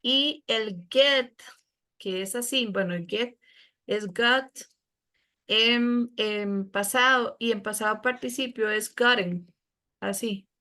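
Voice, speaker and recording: A woman's voice: fairly high pitch, slow, pushed and bright. A woman teacher with a Costa Rican Spanish accent, explaining a lesson patiently to her students. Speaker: English teacher.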